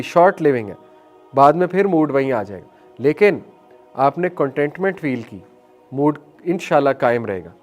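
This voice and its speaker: A man giving an earnest motivational religious talk, mixing English phrases into his speech and slowing down to recite phrases. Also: on the high side, darkish tone. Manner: earnest, mixes English phrases into Hindi-Urdu, slows to recite phrases. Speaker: Islamic speaker.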